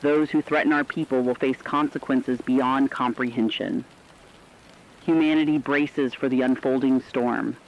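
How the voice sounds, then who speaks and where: Faint rain and slight background noise run beneath the dull lo-fi radio sound as a man acts as a war correspondent reading a scripted dramatic report. His medium-pitched voice, close to everyday speech, moves a little slowly with fairly even intonation, grave, formal, emphatic and resolute.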